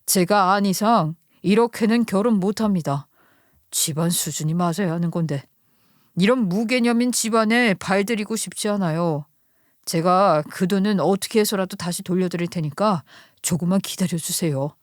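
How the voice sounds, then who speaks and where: A woman's voice: fairly low pitch, moderate pace, no echo, clean studio sound, natural voice. A woman voicing a young man who is engaged to her husband's sister, speaking in a firm, formal and disapproving way. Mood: stern.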